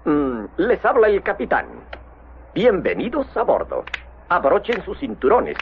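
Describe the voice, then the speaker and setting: A man voicing a jolly, boastful albatross airline captain in an animated film, announcing like a folksy flight attendant. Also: high voice, a little slow, heavily acted. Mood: breezy, reassuring. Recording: dull lo-fi film audio, faint noise.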